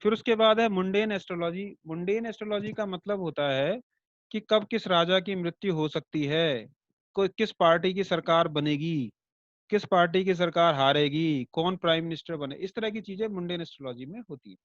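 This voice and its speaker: High-voiced male astrology teacher, chatty. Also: normal speed, dry recording, highs cut off. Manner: conversational, with rhetorical check-ins to students; explains by everyday comparisons and light jokes. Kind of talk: online lecture class.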